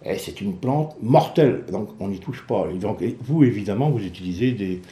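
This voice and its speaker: A man's voice: on the low side, expressive, normal speed, warm tone. A male radio host chatting with a doctor, stammering and restarting, bursting into emphatic questions. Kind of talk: radio call-in chat with a doctor.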